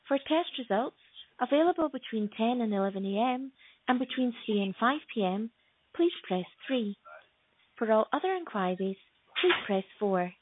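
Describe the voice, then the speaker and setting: A woman reading a recorded phone menu announcement in a calm, measured, formal way. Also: fairly high pitch, a little hiss or hum. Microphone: phone line playback. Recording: tinny phone line.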